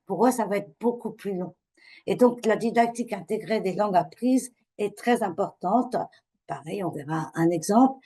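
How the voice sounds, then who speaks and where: A woman's voice: medium pitch, mellow. A woman trainer giving a webinar lecture to teachers, hesitant, with many fillers and repeated words.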